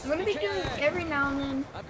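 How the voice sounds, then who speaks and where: A woman's voice: high-pitched, racing, very noisy. A woman giving casual, rambling gameplay commentary, her speech slurred by the braces she is wearing. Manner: rambling, hesitant. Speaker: gaming video creator.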